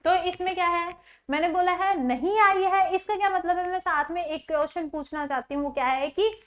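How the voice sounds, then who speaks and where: A woman teaching English in a classroom-style lesson, explaining patiently and repeating each English phrase slowly. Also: very high voice.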